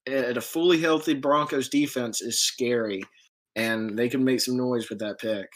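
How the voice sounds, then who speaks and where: A man's voice: medium pitch, fairly even intonation, normal speed. A man co-hosting a casual sports talk show, talking loosely with many fillers and restarts. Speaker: podcast co-host.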